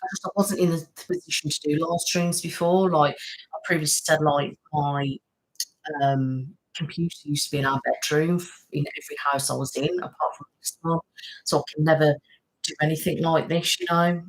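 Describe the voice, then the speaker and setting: Speaking at a normal speed with fairly even intonation, a woman whose voice sits low hosts a casual live stream from home. She rambles chattily and answers viewer comments, and the recording quality is low.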